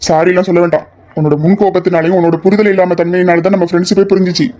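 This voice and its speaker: Young man as confrontational male college student, high-pitched for a man. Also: little pitch movement, very fast, mellow, dull audio, close to an everyday voice. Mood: heated. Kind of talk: amateur audio drama acting.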